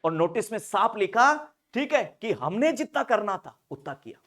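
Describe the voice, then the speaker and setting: A young man giving a lively classroom lecture on drugs for nursing students. He jokes constantly, acts out mock dialogues in other voices, and swings from quiet asides to loud shouts. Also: sits high, moderate pace. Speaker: nursing pharmacology teacher.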